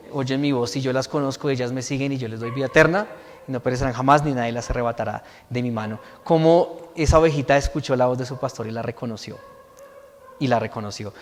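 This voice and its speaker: A man's voice: mid-range voice, in a large hall. A man preaching a sermon as pastor, reading scripture aloud and explaining it, often checking in with the congregation. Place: church hall.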